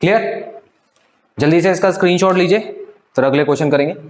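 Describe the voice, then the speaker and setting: A man's voice: a little high, a little fast. A man teaching a live online math class, explaining step by step and often checking if students follow.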